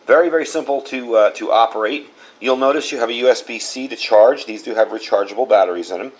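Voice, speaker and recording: Quick-paced and mid-range in pitch, a man hosts a casual hands-on product review on his channel. His delivery is folksy and plain-spoken, and he repeats himself to emphasize things.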